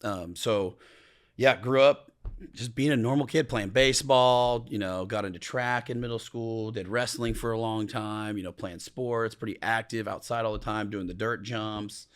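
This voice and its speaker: A man from Oklahoma telling his life story as a podcast guest in a relaxed, rambling way, full of fillers. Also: fairly low pitch, moderate pace. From Oklahoma, USA. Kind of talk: casual storytelling interview.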